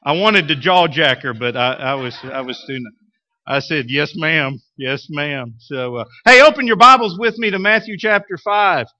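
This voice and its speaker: A man's voice: fairly high pitch, animated, normal speed, sharp tone. A man, preaching as a pastor in a folksy, emphatic way. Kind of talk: sermon. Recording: dull, muffled lo-fi church recording.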